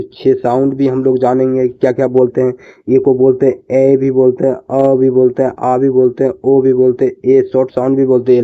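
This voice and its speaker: Man, teacher, online lesson, mid-pitched voice, slow explaining, quiz-yourself manner, muffled lo-fi sound. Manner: explains slowly, asks and answers his own questions. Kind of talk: online class lecture.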